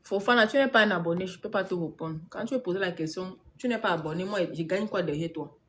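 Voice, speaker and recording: A woman's voice: lowish voice, fast. A woman business coach speaks on a casual live stream and answers viewers' comments as they come in. She is emphatic and repeats her points. She laughs often and slips English words into her talk, with a faint hum of noise behind her.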